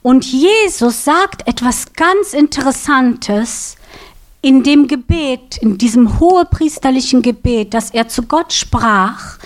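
A woman's voice: sits high, slow pace. A woman preaching a sermon, teaching with a prop and asking her listeners questions. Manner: asks the audience questions, lively.

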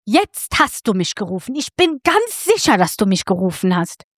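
A woman voicing a small, eager boy who insists in a high, pleading voice. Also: big pitch swings, normal speed, no echo, clean studio sound. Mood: insistent.

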